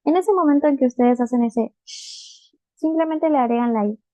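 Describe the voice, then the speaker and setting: Woman teacher, patient, step-by-step, slightly high voice, dry phone-like sound. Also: normal speed, dark tone, no room sound. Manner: patient, checks in with students often. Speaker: Japanese teacher. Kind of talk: online writing lesson.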